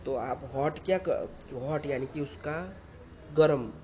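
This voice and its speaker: A man walks through an English lesson at a very slow pace, spelling each word out letter by letter and repeating it. His voice sits at an ordinary pitch. The recording is dull and lo-fi, with a faint hiss underneath. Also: fairly even intonation. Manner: spells words letter by letter, repeats, explains in Hindi. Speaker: English teacher.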